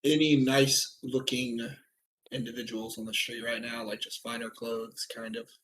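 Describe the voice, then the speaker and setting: A man's voice: medium pitch, flat delivery, normal speed, a bit bright, a little hiss or hum, rough recording. Playful man at a game table. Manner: playful, chatty, trails off. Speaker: player. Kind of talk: casual tabletop game chat.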